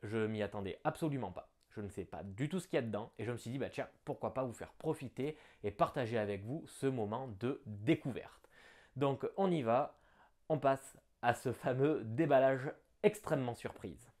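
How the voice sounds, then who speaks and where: A man's voice: medium pitch, moderate pace. Chatty man unboxing a gift. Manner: chatty, thinking aloud, bursts of excitement. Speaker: board game unboxing vlogger. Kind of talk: casual unboxing commentary.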